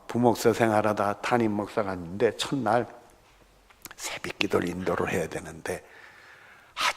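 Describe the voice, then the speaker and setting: A man's voice: fairly low pitch, husky. A middle-aged male pastor preaching a sermon with a slight Chungcheong lilt, telling stories and acting out the voices in them. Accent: Chungcheong-tinged Korean. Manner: animated storytelling, acting out quoted voices. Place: large church sanctuary. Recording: long church hall reverb.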